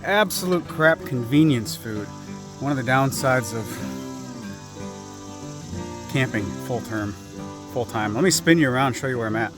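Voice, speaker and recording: A man's voice: mid-range voice, normal speed, pauses often, music in the background. Chatty man vlogging outdoors. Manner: chatty, self-deprecating, thinking aloud. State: slightly out of breath. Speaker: vlogger working his land. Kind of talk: casual vlog talk to camera. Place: outdoors on a wooded clearing.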